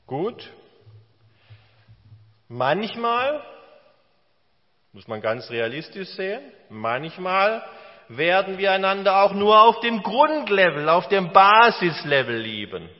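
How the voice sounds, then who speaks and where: Slow, deliberate German-language preacher in a hall. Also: male voice, high-pitched, big pitch swings. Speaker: pastor. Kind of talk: sermon. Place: church. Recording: dull, reverberant church hall recording.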